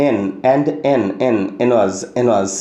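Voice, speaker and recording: A man with a Bengali accent gives an English pronunciation lesson, stretching out each model phrase slowly and patiently. His voice is dark and mellow. It rings in an echoey room. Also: mid-range voice, lo-fi sound. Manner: slow, drawn-out model reading of English lines, quick explanations in between. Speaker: English teacher.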